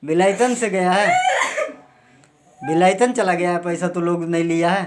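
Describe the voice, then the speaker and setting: A man with a high-pitched voice scolds and interrogates in a heated, threatening way. He keeps snapping short demanding questions. It sounds like it was recorded indoors in a small rented room. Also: steady tone, normal speed, very noisy. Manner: angry, scolding, keeps barking a demanding "huh?". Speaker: man confronting suspected thieves.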